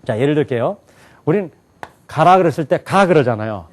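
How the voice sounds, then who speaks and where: Male lecturer, lively rising and falling delivery, quizzes the room. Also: fairly high pitch, fairly quick. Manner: animated, asks the class questions and answers them himself. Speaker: English teacher. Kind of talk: lecture to a live class.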